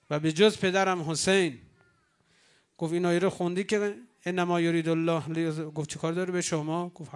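A man's voice: a little high, smooth. A man preaching a religious sermon from the pulpit, emphatic and rising to exclamations, retelling old dialogues.

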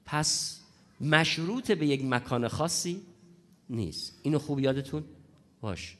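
Guy giving a sermon, voice kinda hoarse from a cold, pitch jumps all over, hammers his points home. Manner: lively, emphatic, repeats key points. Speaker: preacher. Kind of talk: religious lecture on prayer.

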